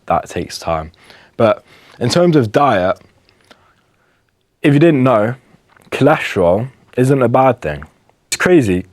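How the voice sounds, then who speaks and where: Low-voiced young man giving earnest advice. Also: dry recording. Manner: earnest, emphatic, with restarts. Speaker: wellness vlogger. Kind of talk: casual advice monologue to camera.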